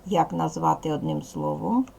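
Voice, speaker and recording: A woman with a Ukrainian accent, a primary school teacher giving a recorded lesson to young children in slow, clear instructions. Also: deep voice, huge pitch swings, darkish tone, a little hiss or hum.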